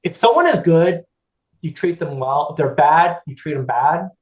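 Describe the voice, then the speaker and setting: In a reverberant recording, a Californian man in his fifties appears as a podcast guest, talking casually in a slightly high, animated voice at a moderate pace. He rambles, restarts often, leans on filler words, and laughs readily.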